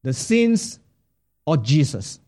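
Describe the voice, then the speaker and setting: A man preaching a sermon as pastor, asking the congregation rhetorical questions in a deliberate way. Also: fairly high pitch, very animated, warm tone.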